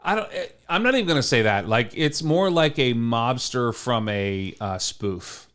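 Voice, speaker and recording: Podcast co-host, male, mid-pitched, talkative and rambling, teasing banter. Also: lively intonation, normal speed, fairly bright tone, clear, resonant tone. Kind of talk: casual sports chat.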